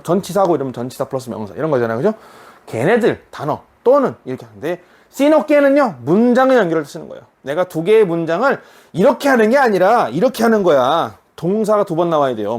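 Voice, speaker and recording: Lively Korean man teaching Spanish. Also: fairly high pitch. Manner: explains step by step, reads example sentences slowly. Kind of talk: online language lesson.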